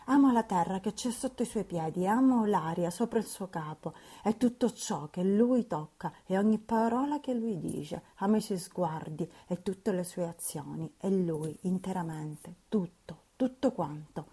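A woman's voice: on the low side, moderate pace, hardly any pauses, mellow, husky. A woman reading an audiobook, voicing an impetuous, proud young woman who talks in passionate, capricious outbursts.

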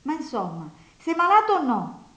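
Woman playing an indignant servant woman, loud, nagging, storybook, in a roomy room. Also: on the high side, sing-song, normal speed. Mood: scolding. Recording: roomy echo.

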